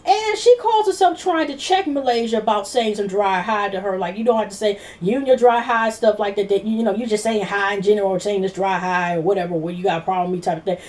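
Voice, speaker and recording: A woman's voice: mid-range voice, fast talker, few pauses. Rambling, gossipy woman vlogger. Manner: rambling, animated, gossipy retelling. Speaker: YouTube TV reviewer. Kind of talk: casual recap vlog.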